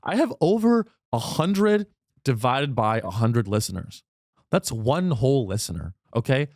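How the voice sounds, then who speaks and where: On his own podcast, a man rambles irreverently for comic effect and swears freely while his voice grows thin and gives out, breaking into sudden high pitch jumps. His pitch swings widely at a measured pace, with a slightly mellow tone. The studio sound is clean and dry.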